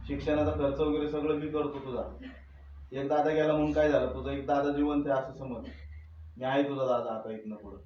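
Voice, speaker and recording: A man's voice: mid-range voice, little pitch movement, a little fast, a little hiss or hum, natural voice. A man playing a kind local boss who consoles a grieving girl and promises to help her, in an amateur short film. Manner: soothing, repeats words, fatherly. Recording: very echoey room, far dull mic.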